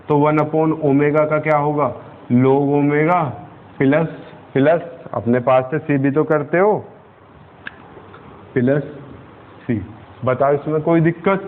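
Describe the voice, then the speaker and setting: A man's voice: on the high side, steady tone, slow pace. A young man teaching physics at a whiteboard, explaining step by step and asking his students questions. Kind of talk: whiteboard lecture. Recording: tinny phone-like lo-fi sound.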